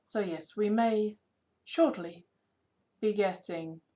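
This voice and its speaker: A woman's voice: medium pitch, slow pace, dark tone. A woman chatting playfully and casually on her live stream.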